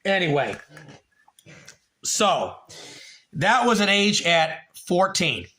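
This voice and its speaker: A man's voice: high-pitched, sing-song, slow, bright, forceful tone. A man in his late thirties hosting a livestream, telling a rambling, profane story and talking to chat viewers by name. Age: 30s. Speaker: livestream host.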